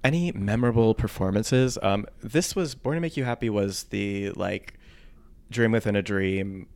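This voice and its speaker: Gravelly, smooth-voiced man chatting. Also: fairly low pitch, dry recording. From United States. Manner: chatty, self-mocking, quick asides. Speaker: podcast co-host. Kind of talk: casual chat.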